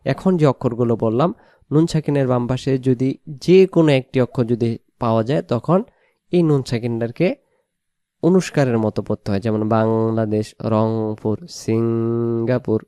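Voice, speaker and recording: A man teaching Quran recitation, chanting verses in long drawn-out phrases and spelling out each letter before explaining the rules. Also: mid-range voice, mellow, dry recording. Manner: spells out letters slowly, then explains quickly. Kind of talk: word-by-word Quran recitation lesson.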